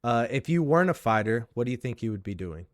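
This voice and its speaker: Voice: mid-range voice, very animated, fast talker, dry recording, studio quality. An interviewer asking casual, friendly-worded questions in a sit-down conversation.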